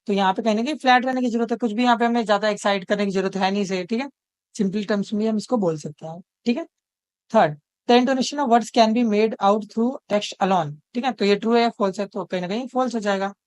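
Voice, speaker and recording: A woman tutor giving an exam-prep lesson, reading quiz questions out slowly and checking in with the students after nearly every sentence. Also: medium pitch, darkish tone, no echo.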